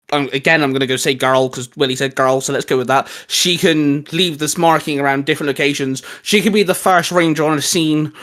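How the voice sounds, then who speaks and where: With a fairly bright voice on the high side, a host from England guides a relaxed, nerdy discussion with friends on his fan channel. His explanations come out hesitant and meandering in an English accent.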